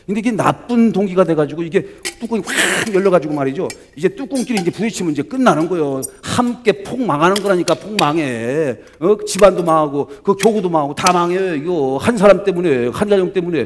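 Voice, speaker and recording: A male pastor giving a sermon in an animated, conversational storytelling manner, often checking in with the congregation. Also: high voice, brisk, hardly any pauses, a little hiss or hum.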